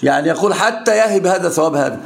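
A man's voice: on the high side, lively intonation, rapid-fire, creaky. A man with an Egyptian Arabic accent teaching an interactive religious lesson, pressing his students with repeated questions. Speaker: Islamic scholar teaching students.

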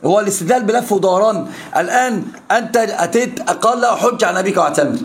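Fast-talking egyptian sheikh quizzing students. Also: male voice, sits high. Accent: Egyptian Arabic. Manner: insistent, quizzes students with repeated questions. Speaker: Islamic scholar teaching students. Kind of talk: interactive religious lesson.

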